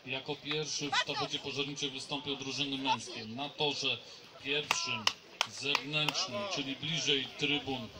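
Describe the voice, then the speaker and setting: A man announces at an outdoor competition. His delivery is flat and even, at a middling pitch. The recording from the open field is very noisy. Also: unhurried. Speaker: event announcer. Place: large outdoor grass sports field.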